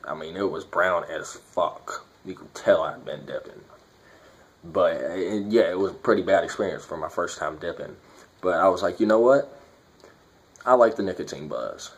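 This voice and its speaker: A man's voice: deep voice, normal speed. A man talking casually and bluntly to viewers, swearing freely, with a lip full of dipping tobacco as he reviews and tells stories. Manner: talking with a lip packed with dip; blunt, profane. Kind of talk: casual vlog review and storytelling.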